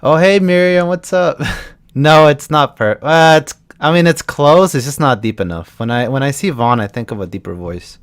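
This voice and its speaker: A young voice actor from Texas chats loosely with viewers on a live stream, answering their questions as they come. His voice is on the high side, clear and resonant, at a moderate pace.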